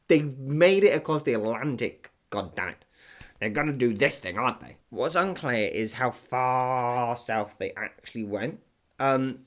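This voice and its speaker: Animated rambling man podcasting. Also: mid-range voice. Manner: animated, jokey, self-correcting. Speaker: podcast host. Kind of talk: rambling casual podcast chat.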